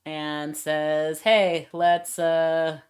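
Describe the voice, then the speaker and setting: Speaking extremely slowly in a deep, clean voice, a woman co-hosting a podcast casually recaps a film's plot. As she retells the scenes, she acts out the characters' lines with lively quoted dialogue.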